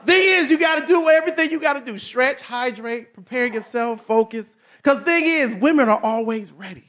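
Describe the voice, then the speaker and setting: A man performing a stand-up comedy set on a club stage, telling stories animatedly and shouting his exasperated quoted lines. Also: very high voice, normal speed.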